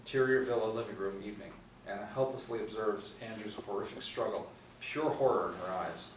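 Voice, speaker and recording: Seated in a small indoor room, a man in his forties briskly reads screenplay stage directions as scripted narration in a lowish voice. The recording sounds roomy, with a distant mic and faint hiss.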